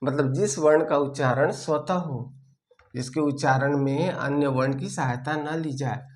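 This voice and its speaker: A man teaching a lesson, slowly dictating notes, repeating phrases and checking in with his students. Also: a little high. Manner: slow and deliberate, repeats phrases for dictation, ends points with "theek hai". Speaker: Sanskrit teacher.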